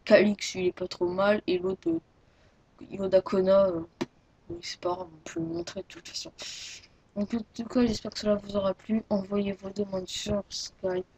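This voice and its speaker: A woman's voice: medium pitch, expressive, moderate pace, gravelly, a little mellow, a little hiss or hum. A teenage girl making a casual video announcement as a gaming YouTuber, rambling and hesitant with many restarts. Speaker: Minecraft YouTuber.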